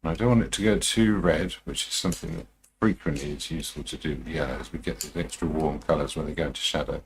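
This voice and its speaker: A man talking through a live demonstration as a painting instructor, informal and unhurried, muttering his thoughts to himself as he works. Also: a bass voice, a little hiss or hum, poor audio. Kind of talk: TV painting instructor style, musing aloud while demonstrating.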